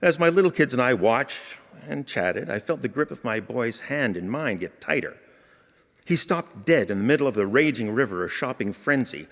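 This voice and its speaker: Wry, animated male storyteller. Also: mid-range voice, moderate pace, in a large hall. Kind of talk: humorous personal storytelling.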